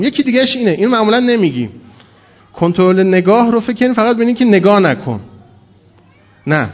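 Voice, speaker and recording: A man preaching a sermon from a pulpit, telling stories with humor and acting out quoted dialogue. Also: high voice. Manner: animated, humorous storytelling, acts out quoted dialogue. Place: mosque or religious hall at a pulpit.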